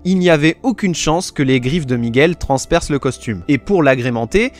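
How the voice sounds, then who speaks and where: Slangy storytelling YouTube guy, higher voice. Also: normal speed, faint music behind. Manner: relaxed, slangy asides to viewers. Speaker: YouTube host. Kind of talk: casual storytelling narration.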